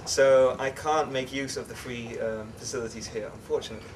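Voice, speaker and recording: A young English-born man raised in the Netherlands, talking as an interview guest in a relaxed, chatty way with many fillers and restarts. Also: medium pitch, a little fast. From England, raised in the Netherlands. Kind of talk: casual interview chat. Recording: distant mic with clear background noise.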